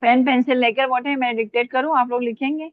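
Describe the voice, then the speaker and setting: A woman teacher leads an online class, dictating short phrases slowly and spelling each word out letter by letter. Her voice comes through a narrow, phone-like line. The sound is dry, with no room echo. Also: sits high, fairly even intonation. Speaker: Urdu teacher. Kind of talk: online language lesson dictation.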